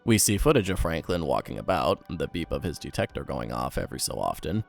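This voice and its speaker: A man's voice: a bass voice, big pitch swings, fairly quick, creaky, soft background music. A young man giving wry, sarcastic commentary on horror videos.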